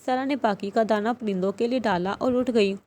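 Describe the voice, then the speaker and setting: A woman reads a novel aloud in a steady, storytelling manner. Her voice sits fairly high for a woman. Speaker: audiobook narrator. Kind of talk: scripted novel narration.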